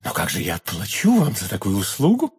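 A man voicing a vengeful, seductive noblewoman in an audiobook reading, speaking softly and insinuatingly. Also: fairly low pitch, huge pitch swings, brisk, husky, heavily acted. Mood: cold scheming.

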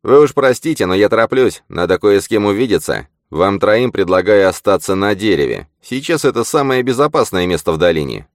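A man's voice: on the low side, moderate pace, no room sound, studio quality, voice pushed up, natural voice. A man reading an audiobook voices a treacherous male spy who hisses cold, mocking threats. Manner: hissing, menacing threats.

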